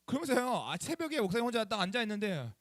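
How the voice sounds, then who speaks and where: Talking fast in a high voice, a young youth pastor delivers a lively sermon to teenagers, chatty and animated as he shares a personal story and puts questions to the students. The studio recording is clean and dry.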